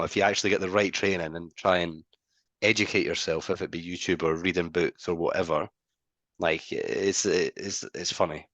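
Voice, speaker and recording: A podcast co-host with a very low, deep voice tells stories in a loose, animated, casual conversation, slipping into other people's voices to act out phone calls. The sound is close and dry, with no room around him.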